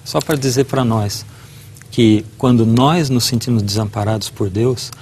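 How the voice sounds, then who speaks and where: A man's voice: mid-range voice, fairly even intonation, a little slow, a little mellow, a little hiss or hum. A middle-aged man, a guest preacher, giving a devotional talk and telling a personal story earnestly, acting out the dialogue.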